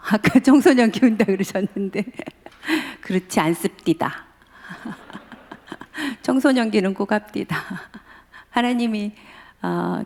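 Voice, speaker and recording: A woman's voice: medium pitch, vocal fry, a little mellow, long reverb tail. A middle-aged woman professor giving a sermon, telling family stories and speaking directly to the congregation. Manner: storytelling, addressing the congregation directly. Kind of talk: sermon at a dawn revival service.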